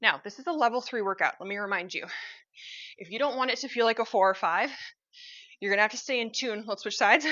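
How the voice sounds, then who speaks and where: A woman's voice: fairly high pitch, quick pace, sharp tone, dull audio. A woman fitness instructor cueing a cardio workout while she exercises, upbeat and encouraging.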